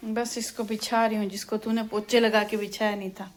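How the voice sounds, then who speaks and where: A woman's voice: mid-range voice, little pitch movement, fairly quick. A middle-aged woman chatting casually to viewers in a home vlog, homely and talkative, often calling out "chaliye ji". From India. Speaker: vlogger.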